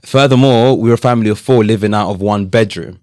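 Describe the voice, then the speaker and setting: Low-voiced man telling his story candidly. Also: fast talker, a little mellow, no echo, studio quality. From Italy. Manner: candid, storytelling, slang-laced. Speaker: guest. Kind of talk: casual interview.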